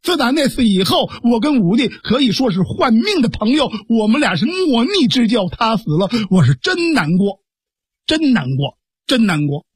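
男说书人演的 诚恳的侠义官员. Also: male voice, very high-pitched, sing-song, moderate pace, breathy edge, no echo, studio quality, pitched above the performer's own voice, full character voice. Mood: pleading. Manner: pleading, earnest. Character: earnest upright male swordsman official. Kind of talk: traditional storytelling.

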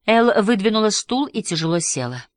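A woman narrating an audiobook in an even, measured reading style. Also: mid-range voice, no room sound.

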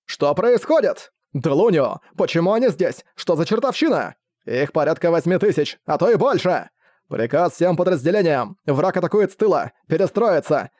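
A man voicing panicked adult army officers who shout urgent reports and orders, in an audiobook. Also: fairly high pitch, very animated, normal speed, no echo, studio quality, pitched above the performer's own voice. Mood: alarmed.

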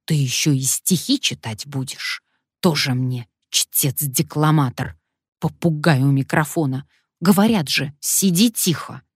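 A woman voicing a brisk, bossy middle-aged woman who teases and gives orders, in a low voice. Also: husky, dry recording, studio quality. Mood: bossy ironic.

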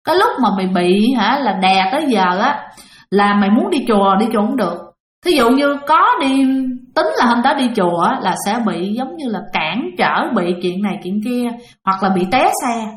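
A woman's voice: medium pitch, expressive, normal speed. A woman narrating a ghost story in a chatty way, often speaking straight to her listeners. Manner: chatty, addresses listeners directly. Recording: roomy echo.

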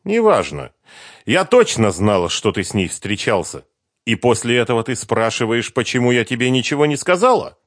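A man's voice: medium pitch, sing-song, normal speed, no room sound, studio quality. A man voicing a hurt, accusing young woman who confronts her former lover with pressing questions.

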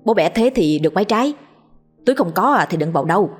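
A woman's voice: fairly low pitch, animated, faint music behind, lightly acted. A woman voicing a cheeky young male thief who teases his father in a storybook tale. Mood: brisk. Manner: brisk teasing chatter.

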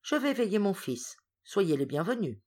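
A woman's voice: medium pitch, sing-song, moderate pace, a little mellow, pitched above the performer's own voice. A woman doing a quavering old innkeeper woman. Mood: eager. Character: wizened old innkeeper woman, eager to please.

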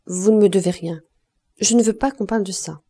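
A woman's voice: mid-range voice, fairly quick, warm tone, breathy edge, no echo. A woman doing a heartbroken young blacksmith. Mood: low pleading. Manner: pleading, anguished. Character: big grieving young blacksmith, gentle, heartbroken.

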